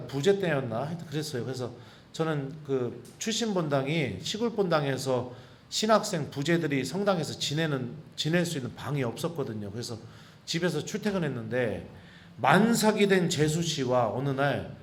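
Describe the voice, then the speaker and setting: Middle-aged male priest, high-pitched, animated retreat lecturer who chuckles through his stories, faint ambient hum. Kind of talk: retreat lecture, personal storytelling. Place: retreat talk before a group.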